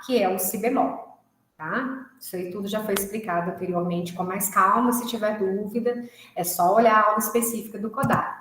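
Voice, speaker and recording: Woman teacher in a very echoey room. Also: on the high side. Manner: explanatory, checks in with tag questions. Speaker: music teacher. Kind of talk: recorded online class.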